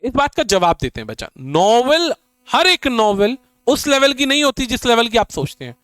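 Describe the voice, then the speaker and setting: A male coaching teacher lectures on exam preparation in a high, smooth, clear voice. He speaks directly to his students and plays out their worries in quoted asides. The sound is dry and close. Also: big pitch swings, normal speed, fairly bright tone, no room sound.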